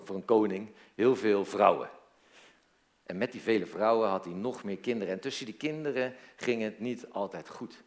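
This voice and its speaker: A pastor with a fairly low voice preaches a sermon, telling a story and drawing his listeners in with questions. He often repeats words as he goes.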